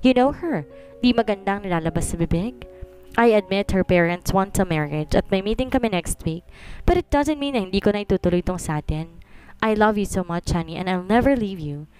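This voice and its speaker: A woman voicing a tender, apologetic young male CEO in a storybook romance, speaking slow and soft, with faint music behind. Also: medium pitch, expressive, clean tone, natural voice. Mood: pleading tender.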